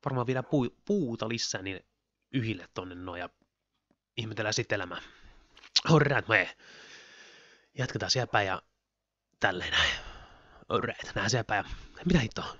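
A man's voice: lowish voice, lively intonation, pauses often, pushed and bright, no room sound, lo-fi sound. A man giving rambling, giggly commentary on his own gameplay as a Let's Play host. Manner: chatty, rambling, giggly, talks to himself while playing.

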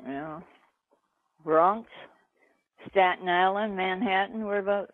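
An older woman on the receiving end of a prank call talks slowly in a medium-pitched voice with no room sound, heard over a narrow, tinny phone line. The conversation is unscripted, and her manner is plain-spoken, proper and inquisitive.

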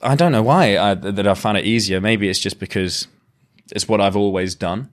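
A man with a very low, deep voice. He speaks as a podcast guest, thoughtful and explanatory, circling back and restarting his sentences as he works through an idea. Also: normal speed. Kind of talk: reflective conversational interview.

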